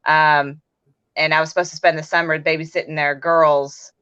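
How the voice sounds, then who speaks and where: A woman's voice: deep voice, little pitch movement, moderate pace, fairly bright tone, clean tone, dull audio. A woman chatting casually as a guest over a video call, talkative and full of fillers. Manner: chatty, laughs often, fillers like "like". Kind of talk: casual chat.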